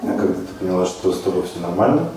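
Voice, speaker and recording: A man, the journalist host, narrating a documentary in a measured, reflective way and asking questions. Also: low-pitched, expressive, dark tone. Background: music.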